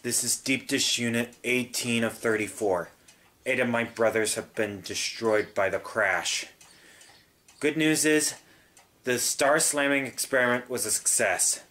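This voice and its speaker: An actor voicing a deadpan male robot broadcast unit in a cartoon, reporting in a flat, measured way. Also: mid-range voice.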